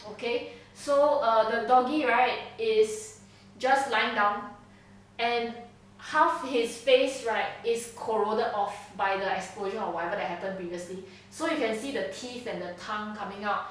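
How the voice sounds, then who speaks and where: A woman guides her players through a tabletop scene, casual and chatty. Her slightly high voice echoes strongly in a roomy space, heard from a distance. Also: a little slow. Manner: casual, chatty, frequent laughs and "okay?" checks. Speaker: game master. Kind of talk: narrating a tabletop game. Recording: roomy echo, distant mic.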